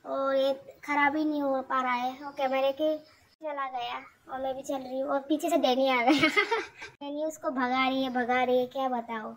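A woman's voice: high voice, fairly even intonation, moderate pace, a little hiss or hum, low-quality recording. A woman narrating a casual vlog as she cares for a hurt bird and scolds her dog. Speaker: vlogger.

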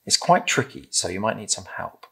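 The presenter is a middle-aged man from Britain whose low, slightly husky voice moves fairly quickly through a craft demonstration. Working at a table indoors among timber-framed walls, he explains each simple step gently and encouragingly, with lively intonation.

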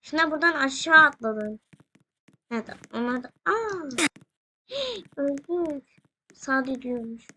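A young female gaming host, playing alongside a parent, gives playful, casual commentary in a high, expressive, pushed and bright voice that's slow with long pauses. She speaks in a sing-song, exclaiming way and hums nonsense syllables. The home recording is very noisy, with clicks.

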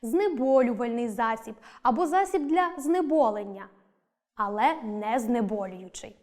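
Teacher, woman, scripted lesson delivery, fairly high pitch, deliberate and clear. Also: lively intonation, a little mellow. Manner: clear, deliberate, stresses each example word.

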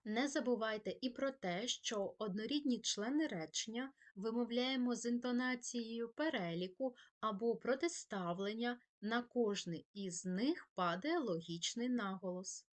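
Female teacher voice for a recorded grammar lesson, a bit higher pitched, slow and precise when reading examples. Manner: slow, careful dictation-like delivery of examples. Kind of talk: scripted grammar lesson narration.

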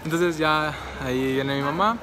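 Chatting in a rambling way full of fillers and restarts, a young vlogger from Guatemala moves between the market and home. His voice is a little high at a normal speed, over a noisy background.

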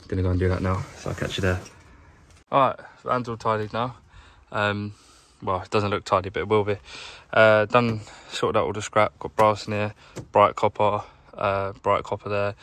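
A young man with a low, gravelly voice chats in a flat, offhand ramble. He sounds like a tradesman filming himself on a handheld phone while sorting his van. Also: fairly quick, slight background noise. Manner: chatty, rambling, low-key. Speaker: plumber vlogger. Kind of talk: casual vlog narration while working. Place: inside a work van, outdoors nearby. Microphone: handheld phone camera.

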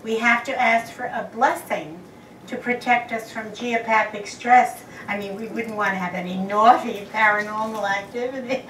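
A woman's voice: on the high side, steady tone, moderate pace, fairly bright tone, lightly acted. An older woman acting a theatrical psychic medium in an amateur stage play, dramatic with gasps and exclamations. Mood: chatty. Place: community hall stage with live audience. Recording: echoey hall from far off, noisy.

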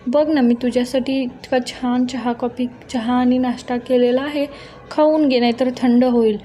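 Woman reading a pleading young impostor, smooth and mellow, in a serial recap. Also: a little high, fairly even intonation, moderate pace, natural voice. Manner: pleading and sweet toward her mother. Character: scheming young woman posing as a daughter.

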